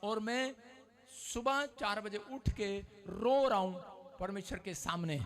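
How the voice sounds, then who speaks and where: A male preacher giving a fervent testimony sermon at a church service, often shouting and laughing. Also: sits high, takes it slowly.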